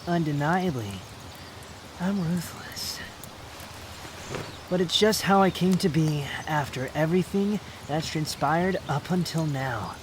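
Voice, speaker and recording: A man playing a prideful, sharp-tongued puppet wanderer with a secret fondness, speaking to the listener in a roleplay audio drama, haughty and unhurried. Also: on the high side, noisy background. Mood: wry, confessing.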